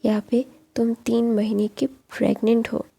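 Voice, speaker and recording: A tender young husband soothing his partner in a hushed, level voice, as a woman narrator puts him on. The tone stays low and mellow with a gravelly, husky edge, and it rarely rises or falls. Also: level tone, normal speed. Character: gentle, protective young husband.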